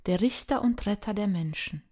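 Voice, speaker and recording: A woman's voice: mid-range voice, normal speed, darkish tone, close to an everyday voice. A woman calling out as a fervent prophet. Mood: urgent. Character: fervent adult male prophet calling crowds.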